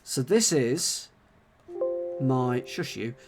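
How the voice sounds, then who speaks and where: This man's voice is mid-range and expressive, with loud music playing behind him. He's solving a puzzle on a stream, chatting casually and reading clues aloud in a halting way full of restarts and side comments.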